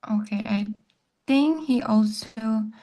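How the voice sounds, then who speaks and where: A woman moderating an online panel, brisk and polite. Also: a little high, dark tone.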